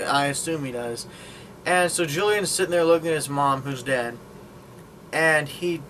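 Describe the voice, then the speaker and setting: A film reviewer with a fairly high, sharp-toned voice casually talks through a movie, rambling through the plot with plenty of fillers and sarcastic remarks. There's a little hiss or hum in the recording.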